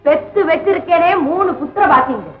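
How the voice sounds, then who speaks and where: A woman's voice: very high voice, big pitch swings, a little fast, faint music behind. A nagging, sarcastic mother. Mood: scolding. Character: sharp-tongued mother of three sons. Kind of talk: 1960s film acting. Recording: dull old film soundtrack.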